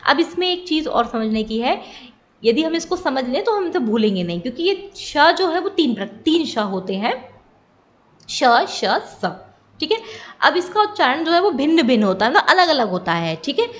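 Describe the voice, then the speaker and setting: A woman Sanskrit teacher giving an exam-prep lesson, explaining step by step and often pausing to check that students follow. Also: sits high, sing-song. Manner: patient, repeats "ठीक है" to check understanding.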